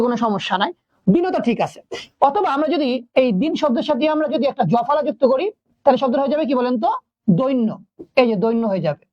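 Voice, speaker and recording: A woman teaches spelling at a brisk clip, her voice sitting high. She keeps throwing questions at her students and answering them herself. The recording is dry and close, with a dull, lo-fi tone. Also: darkish tone, no room sound. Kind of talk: classroom spelling lesson.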